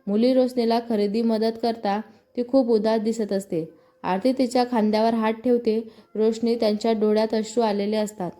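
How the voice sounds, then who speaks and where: A woman with a Marathi accent reading a scripted story aloud, voicing all the characters' lines in her own even narrating voice. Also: a little high, moderate pace. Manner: reads all parts in one even narrating voice.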